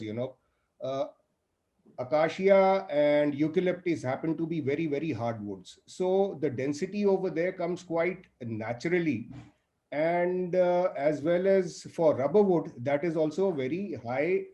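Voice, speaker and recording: A man speaking in an online business meeting, measured and explanatory with many fillers. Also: fairly high pitch, warm tone. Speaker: furniture buyer in a trade meeting.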